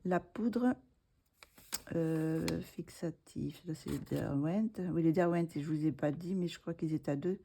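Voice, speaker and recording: Casual vlogger woman, low mellow voice, hesitant delivery with lots of fillers. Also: a little hiss or hum. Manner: hesitant, many fillers and restarts. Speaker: art supplies vlogger. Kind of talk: casual haul video.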